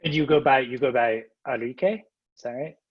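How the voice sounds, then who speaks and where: A man's voice: medium pitch, moderate pace, dull audio. A man instructing a class, calling on students with brief, friendly prompts.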